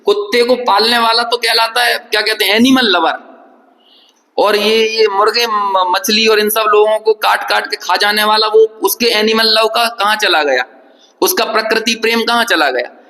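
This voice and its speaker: A man's voice: sits high, fairly even intonation, normal speed, pushed and bright. A man giving a religious discourse in a lecture hall, asking his listeners rhetorical questions and acting out little dialogues. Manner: asks the audience rhetorical questions; acts out dialogues from anecdotes. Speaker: Jain scripture lecturer. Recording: long hall reverb.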